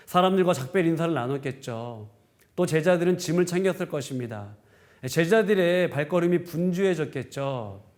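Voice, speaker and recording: High-voiced male pastor preaching. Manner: storytelling with rhetorical questions. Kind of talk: sermon.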